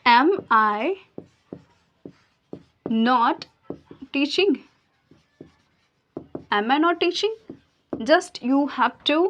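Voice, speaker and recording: A woman teaching English grammar in Hindi, patiently explaining and slowly repeating example sentences. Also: high-pitched, dull audio.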